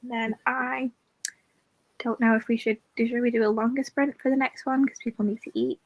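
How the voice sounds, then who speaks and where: Stream host, woman, unhurried talk over a video call, dry close sound. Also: fairly high pitch, fairly even intonation, dry recording, rough recording. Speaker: host of a reading sprint stream. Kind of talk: casual group chat on a livestream.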